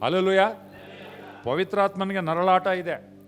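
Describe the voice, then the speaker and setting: High-voiced preaching man, sudden shouts. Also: steady tone, measured pace, faint music behind. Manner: preaching with sudden shouted peaks and acted dialogue; mixes English phrases into Kannada. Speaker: pastor. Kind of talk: sermon. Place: church.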